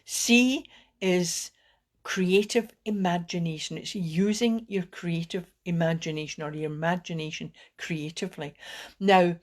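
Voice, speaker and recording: Gentle encouragement marks this woman's delivery as she teaches calming techniques on a live video in her role as a wellbeing coach. She speaks unhurriedly in a lowish voice and regularly restarts what she's saying.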